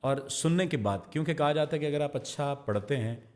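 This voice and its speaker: Measured man speaking with polish. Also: a little high, darkish tone. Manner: measured, quotes poets and sayings, slows for emphasis. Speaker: podcast guest, voice-over artist. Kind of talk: reflective conversational interview.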